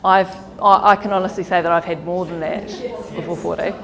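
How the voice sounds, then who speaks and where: In a meeting hall full of crowd noise and long reverb, a woman with a New Zealand accent gives a chatty, informal workshop talk as a career counsellor, laughing often. Her voice is on the low side, her tone steady and her delivery brisk.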